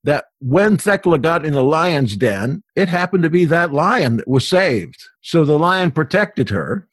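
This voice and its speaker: A man's voice: sing-song, unhurried, no echo. Guy lecturing over a video call, audio glitching robotic and jumpy, dry sound, kinda rambly. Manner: rambling storyteller, many fillers. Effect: glitchy robotic video-call audio with jumping pitch. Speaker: teacher.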